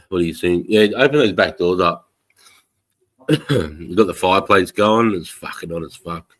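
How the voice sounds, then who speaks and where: A man's voice: sits low, unhurried, a bit bright. An Australian man hosting a casual livestream, chatting in a blokey, slangy way with plenty of swearing. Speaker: livestream host.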